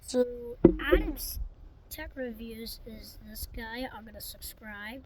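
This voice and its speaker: A woman's voice: fairly high pitch, slow pace, heavy background noise. A woman vlogging casually through an unboxing, rambling with lots of restarts, her voice stuffy from allergies.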